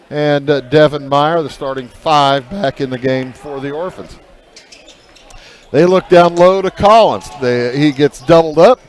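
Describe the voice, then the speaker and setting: A man calling a high school basketball game play by play, measured with filler pauses, lifting his voice on big plays. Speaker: play-by-play announcer.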